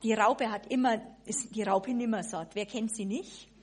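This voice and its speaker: A woman preaching a sermon in a lively way, breaking off and restarting her sentences and acting out little asides. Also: medium pitch, moderate pace, slightly rough.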